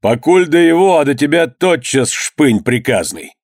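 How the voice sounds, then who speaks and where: A man's voice: on the high side, big pitch swings, measured pace, a little mellow, no room sound, clean studio sound, voice pushed up, heavily acted. A man voicing a frightened young male servant who speaks timidly and pleads.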